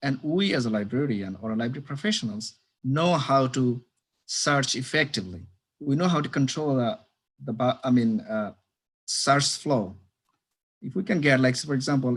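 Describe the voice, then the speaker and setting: Man from Bangladesh, husky voice, video call talk, halting with fillers and restarts. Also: mid-range voice. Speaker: librarian giving a webinar talk. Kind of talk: online presentation.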